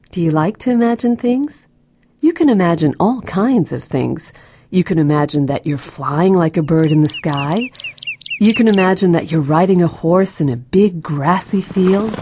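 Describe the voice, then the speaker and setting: A woman narrating a guided relaxation for children in a soft, soothing, breathy voice that drops to a near whisper. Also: fairly low pitch, noisy background.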